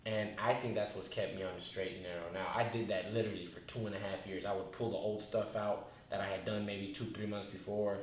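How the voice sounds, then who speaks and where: A low-ish male voice, flat and brisk with few pauses, comes from a rapper in his twenties giving a casual, reflective interview. He rambles in a laid-back way through his story, restarting many times. The recording room is very echoey with faint noise.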